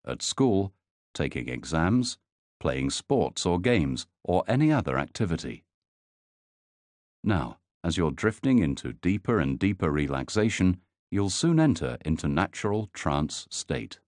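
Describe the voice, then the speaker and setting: Deep-voiced man guiding sleep hypnosis. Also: a little mellow, dry recording, studio quality. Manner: slow, soothing, measured delivery.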